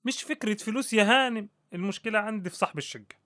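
A man's voice: high voice, rapid-fire, pushed and bright, dry recording, clean studio sound. An actor playing a wary, haggling Egyptian building doorman in a radio drama, deferential and folksy, with an Egyptian accent. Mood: reluctant, ominous.

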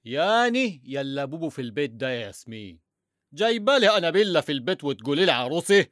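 A superstitious Egyptian family man with a short fuse, in radio serial style. His high voice leaps up and down as he blusters and exclaims. The sound is close and dry. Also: sing-song, fast talker, fairly bright tone, no echo. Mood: angry. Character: superstitious, hot-tempered Egyptian father, easily spooked. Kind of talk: Egyptian radio comedy drama acting.

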